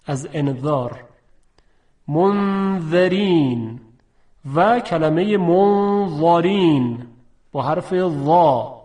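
A man teaching pronunciation for Quran recitation, explaining each letter calmly and then drawing out example words slowly, each one said twice. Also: on the high side.

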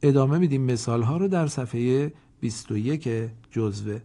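A man teaching Quran reading in a formal recorded lesson, speaking slowly and deliberately, pausing to let learners answer. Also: medium pitch, animated, mellow.

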